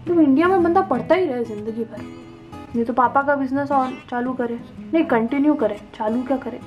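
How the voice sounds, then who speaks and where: A woman's voice: sits high, moderate pace, darkish tone, muffled recording, faint music behind. A young woman from India rambling through a casual late-night vlog monologue, mixing Hindi and English and swearing casually, lying on the floor at home and talking to her phone camera. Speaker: vlogger. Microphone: phone camera up close.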